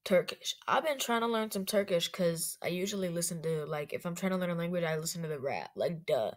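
A woman's voice: on the low side, fairly quick. Chatty young woman vlogging. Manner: rambling and chatty, full of fillers. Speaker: YouTuber. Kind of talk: casual screen-recording vlog commentary.

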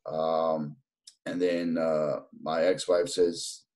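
This bass-voiced man draws out his words in a level, darkish tone. He's a fifty-something podiatrist from New York City with a local accent, interviewed casually over video from an indoor office, rambling with many fillers and restarts and laughing easily.

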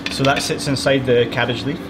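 Young man, sous chef, calm step-by-step explanation, mid pitch, loud kitchen air-conditioning hum. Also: a little fast. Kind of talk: explaining a dish while plating. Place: restaurant kitchen.

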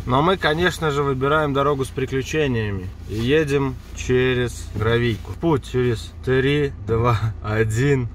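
A man's voice: medium pitch, measured pace, hardly any pauses. A man in his thirties making a casual travel vlog, chatting with wry remarks while driving and walking in rainy woods. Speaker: travel vlogger. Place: in a car and outdoors in a rainy forest. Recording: noisy outdoor and car recording.

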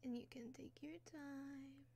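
A young woman doing an ASMR roleplay as a caring caretaker, whispering slowly and soothingly into a close mic, with frequent soft "mm-hmm" murmurs. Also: high voice, steady tone, vocal fry. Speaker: ASMR creator. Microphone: close sensitive mic.

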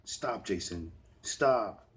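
A man's voice: on the low side, expressive, slow, a bit bright. A man reading the lines of an upset young woman who accuses her partner of never listening, in pleading, exasperated outbursts.

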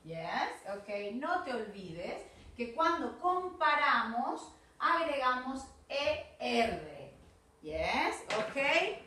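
A woman with an Argentine Spanish accent leads an English lesson, her high voice swooping up and down as she prompts and repeats. She talks slowly and brightly. The sound is distant and full of room echo. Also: big pitch swings, slight background noise. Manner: coaxing, repeats and prompts the student. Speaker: English teacher.

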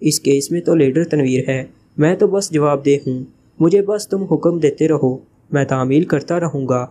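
A man's voice: fairly high pitch, normal speed, mellow, a little hiss or hum, natural voice. A man reading the part of a sly, joking male spy leader in a teasing, evasive way.

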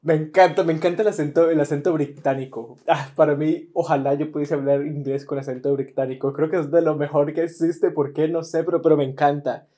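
A man's voice: on the high side, fairly even intonation, brisk, few pauses, mellow. A man hosting a casual reaction video, enthusiastic and often repeating words as he searches for them.

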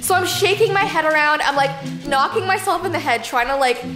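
A woman's voice: sits high, animated, a little fast. A young woman, chatting informally as she vlogs and tells stories in an echoey, sparsely furnished bedroom. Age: young adult. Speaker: vlogger. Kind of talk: casual vlog storytelling. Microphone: camera held or set at about arm's length. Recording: echoey, sparsely furnished room, music behind.

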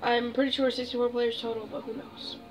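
A woman's voice: fairly high pitch, flat delivery, fast, distant mic, over music, poor audio. A woman hosting a gaming video, chatting casually over her gameplay and muttering asides to herself. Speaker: gaming channel host.

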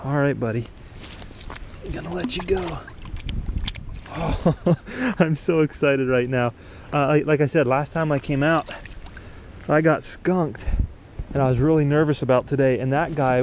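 A man's voice: medium pitch, normal speed, a little mellow, slight background noise. A man vlogging outdoors by a mountain stream, talking enthusiastically and exclaiming as he fishes, recorded on a chest-mounted camera. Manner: enthusiastic, exclaiming, laughing often. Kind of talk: excited outdoor vlog commentary. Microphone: chest-mounted action camera.

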